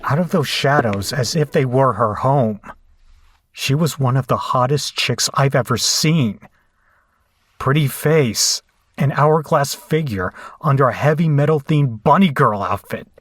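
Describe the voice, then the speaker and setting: A man with a mid-range, natural voice speaks a little slowly, with no room sound. He plays a brash, rattled young rocker in a horror audio drama, narrating in the first person in a shaken, colloquial, incredulous, foul-mouthed way.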